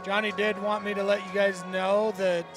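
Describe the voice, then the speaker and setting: A man's voice: sits high, flat delivery, normal speed. A man in his late forties co-announcing a dirt race outdoors, chatting with self-mocking humor. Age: 40s. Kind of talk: casual commentary. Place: outdoors at a racetrack. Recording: loud music playing behind. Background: loud music.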